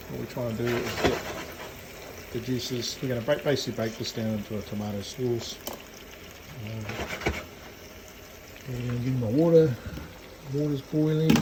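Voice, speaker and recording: A man's voice: medium pitch, background noise. A man with a New Zealand accent giving a casual, hesitant cooking demonstration at home, thinking aloud as he works. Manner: informal, hesitant, thinking aloud while working. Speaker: home cook presenting a cooking video. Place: home kitchen.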